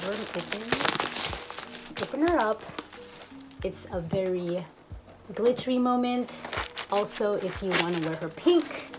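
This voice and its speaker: A woman in her thirties talks casually to a camera in a small room as an unboxing vlogger. Her pace is slow and her pitch is average. Music is clearly heard behind her. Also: poor audio. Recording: music and crinkling packaging behind voice. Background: music, crinkling packaging.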